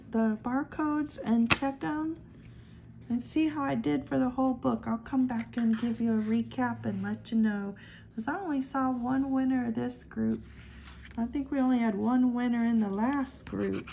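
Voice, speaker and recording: Slow high-voiced woman calling numbers. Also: vocal fry, dark tone, a little hiss or hum. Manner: slow, calls out numbers one by one. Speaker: lottery scratch-off vlogger. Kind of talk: casual scratch-off commentary.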